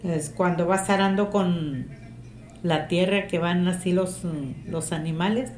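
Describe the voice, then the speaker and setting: A woman's voice: lowish voice, unhurried. Strong-voiced mother telling family stories. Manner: animated, strong voice, acts out remembered dialogue. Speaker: interviewee, mother of the interviewer. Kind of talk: casual family storytelling. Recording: echoey room with faint ambient noise.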